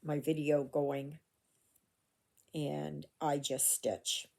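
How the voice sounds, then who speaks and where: Her voice sits low and creaky with a darkish tone, delivered flatly with drawn-out words. She's an older Canadian cross-stitch vlogger, rambling casually with asides and fillers as she stitches at home in front of a phone camera.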